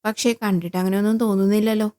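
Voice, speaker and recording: A woman's voice: mid-range voice, fairly even intonation, racing, warm tone, lightly acted. A woman voicing a mocking man in his forties on a bicycle, sly and needling in tone.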